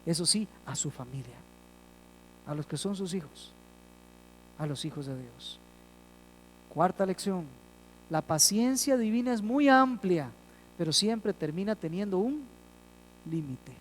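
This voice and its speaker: A man's voice: sits high, animated, slight background noise, poor audio. Preaching man with swelling emphasis. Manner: swells loud on key phrases, drops soft at line ends; slows down for emphasis. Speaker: pastor. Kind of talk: sermon.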